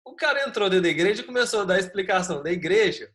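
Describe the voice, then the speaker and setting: A man's voice: high-pitched, very fast. A man who teaches history, telling his students a funny class-trip story before going back to the lesson. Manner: lively anecdote with acted quotes and laughter.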